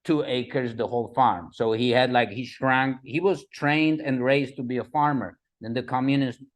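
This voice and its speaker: Man, guest lecturer, halting delivery, many fillers, middle pitch. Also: fairly even intonation. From Czech Republic. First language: Czech. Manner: halting, many fillers and restarts, asks "right?". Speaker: guest speaker at a gardening talk. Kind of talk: presentation with slides.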